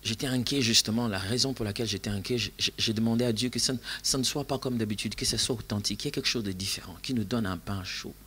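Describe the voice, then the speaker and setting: A man preaching a sermon at a church retreat, telling a personal story and shifting between hushed and loud passages. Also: lowish voice, fast talker, hardly any pauses, breathy edge.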